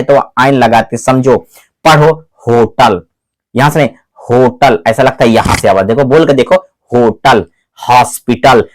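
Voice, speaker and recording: Male tutor, mid-pitched, Hindi-accented English, drilling students with repeated questions. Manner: repeats questions back to the students, drawn-out stressed words. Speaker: English teacher. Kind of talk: classroom-style grammar lesson.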